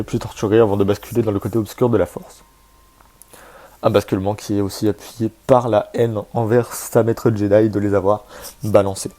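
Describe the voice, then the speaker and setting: Man, deep-ish voice, mellow tone, casual host, filler-heavy, joking asides, soft background music. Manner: chatty, hesitant with frequent fillers, joking asides. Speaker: YouTube host presenting a game character. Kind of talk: casual video presentation. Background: faint background music.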